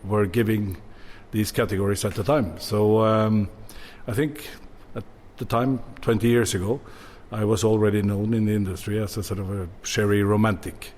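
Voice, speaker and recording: A man's voice: on the low side, steady tone, moderate pace, darkish tone. Hesitant Norwegian-born man in his sixties. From Norway. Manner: hesitant, many fillers and restarts. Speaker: bodega owner. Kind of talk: interview answers.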